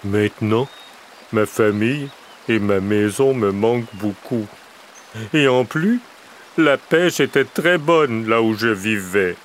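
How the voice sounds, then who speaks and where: A man's voice: lowish voice, slow pace, a little hiss or hum. A man voicing a timid, weepy little male bear cub in a storybook reading, with a plaintive, whiny tone.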